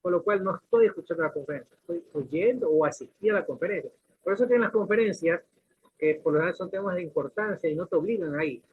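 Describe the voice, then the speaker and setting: Male teacher explaining stuff w/ examples, raspy voice, sounds like thru a phone. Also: high-pitched, expressive, quick pace. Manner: explains with questions and examples, restarts. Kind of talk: classroom lecture. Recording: lo-fi phone-like recording.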